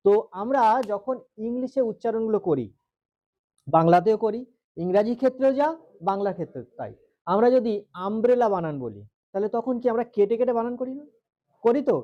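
A man's voice: sits high, highs cut off. A male teacher giving a classroom grammar lesson with a West Bengal Bengali accent, quizzing students and stretching out syllables as he goes. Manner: drills students, asks questions, stretches syllables.

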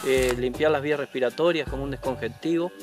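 A nature guide in his forties with an Argentine Spanish accent explains plants patiently, hesitating often, in a mid-range voice at a quick pace. He's recorded outdoors on a forest trail with a lapel mic, with music in the background.

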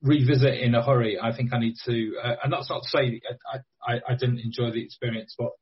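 A man's voice: medium pitch, fairly even intonation, brisk, slightly rough. A man, a game creator talking as a podcast guest, hesitant with many ums and restarts, on dull lo-fi remote audio. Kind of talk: casual interview chat.

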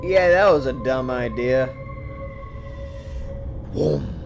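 A man's voice: medium pitch, expressive, slow pace, muffled recording, background noise. A young man casually commenting on a game as its host, joking and self-deprecating. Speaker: gamer host. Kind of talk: casual let's-play commentary.

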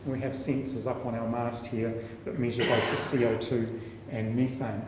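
In an echoey meeting room with faint background noise, a male university researcher from New Zealand delivers a seminar at a conference. He talks at a moderate pace in a level, mid-range voice, explaining step by step with plenty of ums and restarts, into a stand mic at a lectern.

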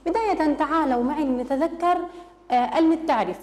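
High-pitched woman teaching children in a reverberant room. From Lebanon. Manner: patient, addresses pupils warmly as little ones, slow drawn-out demonstration words. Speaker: primary school Arabic teacher. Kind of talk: teaching a recorded lesson to children.

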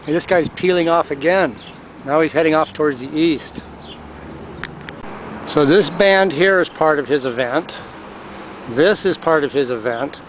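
A man with a fairly high voice films the sky and comments as he goes, amused and talkative, pointing things out at a measured pace with frequent pauses. He is by the road and in a car, recording on a handheld camera mic. The audio is noisy, full of traffic and outdoor sounds.

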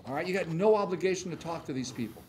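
A man, an insurance attorney, explaining his position in a live panel debate, measured and full of rhetorical questions. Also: on the high side, lively intonation, a little mellow, a little hiss or hum.

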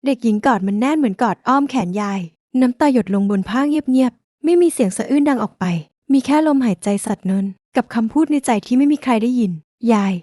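A woman narrates a bedtime folk tale in a gentle, measured way. Her voice sits a little high with a mellow, soft tone, recorded close and completely dry. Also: no room sound. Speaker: storyteller. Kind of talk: storybook narration.

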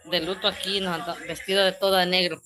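A woman's voice: lowish voice, level tone, quick pace, a crowd in the background. A woman with a Salvadoran accent hosting a live stream, reading viewer comments aloud and answering each one with pet names. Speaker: livestream host.

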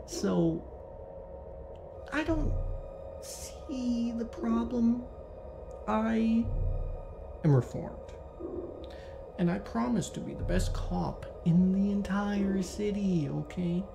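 A man playing a shifty, self-excusing criminal in a deadpan, halting, insistent monologue to camera. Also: sits high, heavily acted. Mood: insistent, self-justifying. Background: clear music.

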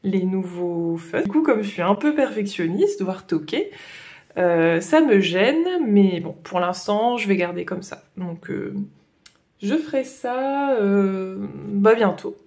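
Slow, hesitant Ch'ti-accented woman. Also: mid-range voice, lively intonation, darkish tone. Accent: Northern French (Ch'ti). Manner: hesitant, many fillers and "voilà". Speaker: coloring vlogger. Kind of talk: casual haul chat.

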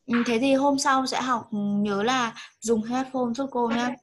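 A woman's voice: on the high side, steady tone, a little slow, faint music behind, rough recording. A woman, teaching an online English lesson over a video call, patiently coaxing and repeating prompts.

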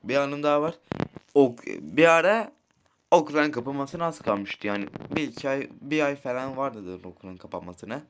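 While playing a mobile game, a teenage gaming streamer rambles through crude stories from school, cursing a lot and repeatedly checking in with "right?" He speaks at medium pitch and moderate pace, with a little hiss or hum in the audio.

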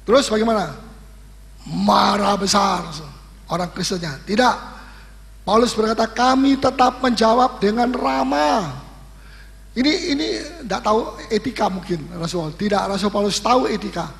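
A male pastor preaching a sermon in a lively, teasing way, often putting questions to the congregation. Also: sits high, normal speed, gravelly. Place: church hall. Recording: echoey hall recording.

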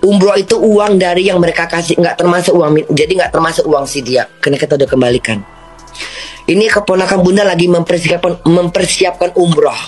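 A woman hosting a livestream who talks loudly and indignantly, rambling with many restarts. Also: lowish voice, brisk, slightly rough, soft background music. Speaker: livestream host. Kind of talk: livestream rant.

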